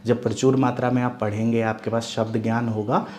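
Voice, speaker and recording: A man gives a lesson in a patient, steady teacherly way, stopping now and then to check that his listeners follow. His voice sits at an ordinary middle pitch. A faint hum runs under the recording. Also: a little fast. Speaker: Hindi teacher. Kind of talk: explanatory lesson to camera.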